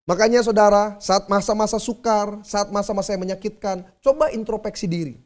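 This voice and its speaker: A man's voice: high-pitched, fairly quick. A male pastor preaching a sermon in a conversational way, speaking directly to his congregation.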